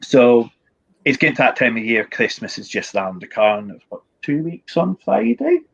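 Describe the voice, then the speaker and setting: A man with a strong Scottish accent speaks at a medium pitch, explaining things in an informal, matter-of-fact way with dry wit. The sound is slightly dull, like a video call. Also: sing-song, normal speed, gravelly, breathy edge. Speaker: IT support director, guest. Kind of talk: informal explanatory talk with tips.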